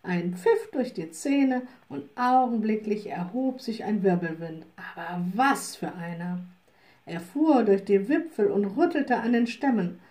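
A woman reading a children's storybook aloud in a calm, measured storytelling manner. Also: mid-range voice. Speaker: narrator.

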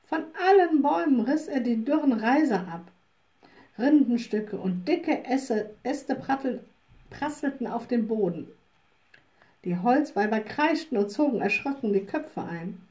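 A woman reading a children's storybook aloud in a calm, measured storytelling manner. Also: fairly high pitch. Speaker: narrator.

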